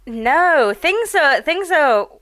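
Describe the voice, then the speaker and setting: A woman's voice: high voice, sing-song, very slow, fairly bright tone. A woman co-hosting a fan podcast, chatting in a casual, playful and informal way. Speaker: podcast co-host.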